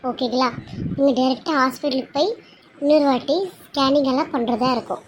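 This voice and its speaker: A woman's voice: high voice, fairly even intonation, a little fast, a little hiss or hum, lightly acted. A woman voicing a stern, principled female doctor in a cartoon serial, lecturing her patients firmly. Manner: firm, lecturing.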